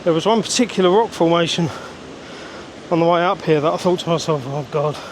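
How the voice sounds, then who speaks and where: A man vlogging casually as he climbs a wet, rocky mountain trail, talking in between efforts. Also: fairly high pitch. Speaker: hiking vlogger. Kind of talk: casual on-the-go narration. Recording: noisy outdoor recording with rushing stream.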